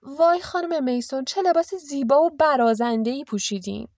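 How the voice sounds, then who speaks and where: A woman voicing a fussy middle-aged housewife who gushes and flatters in an audiobook reading. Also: sits high, dry recording, studio quality, voice pushed up. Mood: gushing.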